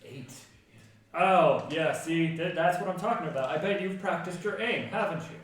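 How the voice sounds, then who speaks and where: A high-voiced man narrates a tabletop game as its game master, joking and swearing as he goes. He sits back from the mic in a strongly echoing room. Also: moderate pace. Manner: playful, swears casually. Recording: echoey room, distant from the mic.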